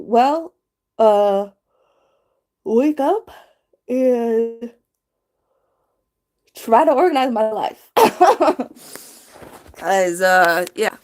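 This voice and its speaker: A woman's voice: on the high side, animated, takes it slowly, long pauses, a little mellow. A woman chatting casually on a late-night livestream, sleepy and yawning, rambling from one thought to the next.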